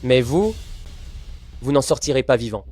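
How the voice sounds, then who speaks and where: Guy voicing a rich protective husband, cold low threats, drama dub. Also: expressive, moderate pace, darkish tone, soft background music, natural voice. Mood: menacing. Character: wealthy young husband, protective and menacing. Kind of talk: French drama dubbing.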